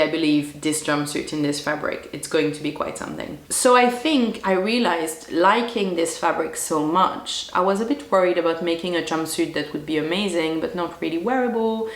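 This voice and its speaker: A young woman with a cold, her voice hoarse and deep, chatting casually to camera about her sewing plans in her sewing room, rambling with lots of fillers. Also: reverberant. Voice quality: deep, croaky voice. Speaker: sewing vlogger.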